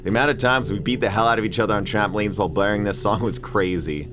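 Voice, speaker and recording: A man in his thirties hosting a channel narrates a casual video essay quickly, his voice on the low side. Music plays in the background while he delivers slangy, profane, opinionated commentary with plenty of irreverence.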